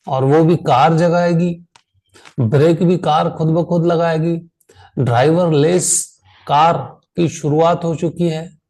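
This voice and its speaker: Indian man, tired trainer on an online call, slow and emphatic, repeats phrases, fairly high voice. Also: darkish tone, poor audio. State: tired after a long meeting. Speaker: insurance sales trainer.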